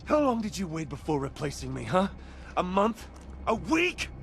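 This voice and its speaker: A man playing a vengeful masked young soldier who screams threats in a drawn-out, gravelly voice. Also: high-pitched, very animated, exaggerated voice. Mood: furious screaming.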